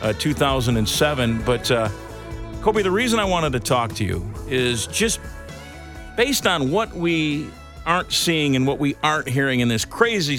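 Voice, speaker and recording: A man's voice: medium pitch, a bit bright, dry recording. A man hosting an interview who speaks with enthusiasm and rambles, often restarting his questions partway through. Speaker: interviewer host. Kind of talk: casual interview.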